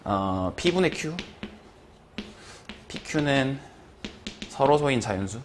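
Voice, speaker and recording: A man teaching math in a relaxed, rambling lecture, full of fillers and small chuckles. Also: mid-range voice, extremely slow, noisy background. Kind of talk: casual lecture.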